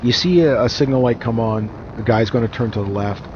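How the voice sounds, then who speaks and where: A man's voice: mid-range voice, brisk. A man giving casual, rambling advice to viewers in a hesitant way with repeated words, speaking into a microphone inside a motorcycle helmet. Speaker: motorcycle vlogger. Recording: dull muffled helmet audio, loud engine noise.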